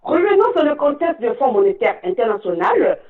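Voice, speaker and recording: An indignant woman calls in over a tinny phone line, and her voice sounds distant and echoey. Her lively, fairly high voice swings widely in pitch as she pushes on through many hesitations. She builds to near-shouting. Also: fairly quick. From Republic of the Congo. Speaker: caller. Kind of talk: impassioned call-in commentary.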